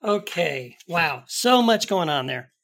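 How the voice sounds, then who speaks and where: A man co-hosting a podcast, giving an emphatic, animated rebuttal to a video clip. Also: a little high, slow. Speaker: podcast co-host.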